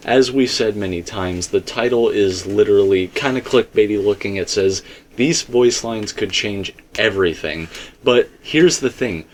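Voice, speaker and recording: Here the same sort of host, a man with a slightly low voice, walks through theories casually, rambling but forceful as he builds his argument. He talks at a normal speed, with a faint hiss or hum in the audio.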